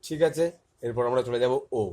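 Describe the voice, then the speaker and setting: Man slowly teaching letters to children. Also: mid-range voice, darkish tone. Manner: slow, repetitive spelling out of letters and words. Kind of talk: tutorial for young children.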